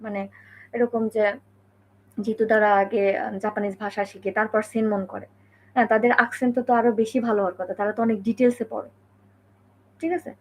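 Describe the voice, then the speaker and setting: A woman's voice: on the high side, steady tone, a little fast, pauses often. A woman from Bangladesh giving a casual spoken lesson, talking in a conversational way and often checking in with the listener. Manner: conversational, many fillers and check-ins. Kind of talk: casual explanatory talk.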